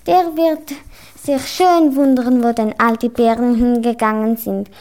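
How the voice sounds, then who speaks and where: A woman voicing a kind, chatty male pirate parrot who croaks his words quickly. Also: on the high side, steady tone, a little mellow.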